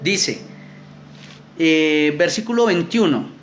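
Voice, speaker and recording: A man preaching a youth sermon, reading scripture slowly, correcting himself often and checking in with his listeners. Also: a little high, animated, a bit bright, faint music behind. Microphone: streamed to online viewers.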